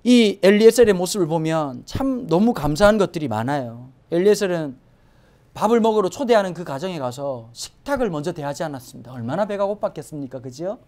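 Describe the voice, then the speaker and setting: A woman pastor preaching a Sunday sermon in a church, swinging from hushed asides to emphatic exclamations. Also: fairly low pitch, animated, brisk. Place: church sanctuary.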